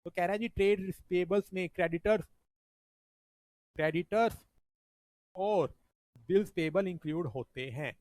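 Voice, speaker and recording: A man's voice: sits high, measured pace, long pauses, a little mellow, no room sound. A man teaching a revision lecture. He explains step by step and often adds "ठीक है जी" as a check-in. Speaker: accounting teacher.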